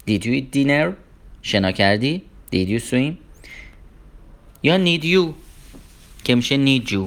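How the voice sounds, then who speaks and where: A man with a Persian accent teaching English pronunciation in a casual, playful way, asking the listener questions and slipping in jokes. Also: lowish voice. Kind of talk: casual language lesson.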